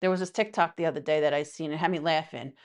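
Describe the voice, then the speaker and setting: A woman's voice: low-pitched, fast talker. A woman gives a casual tarot reading in a loose, chatty way. She rambles through her asides and leans on fillers like "you know" and "right.". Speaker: tarot reader.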